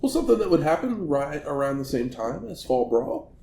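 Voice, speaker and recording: A man's voice: big pitch swings, brisk, creaky, dark tone. A man co-hosting a casual podcast, chatting in an easygoing, agreeable way. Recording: echoey room with faint rumble.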